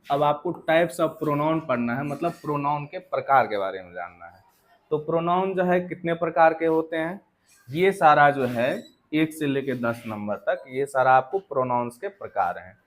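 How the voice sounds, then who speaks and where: A male teacher explaining grammar in an online class, steady and explanatory, often pausing to check in with his students. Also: on the high side. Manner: steady explanatory pace, repeating "ठीक है" to check in.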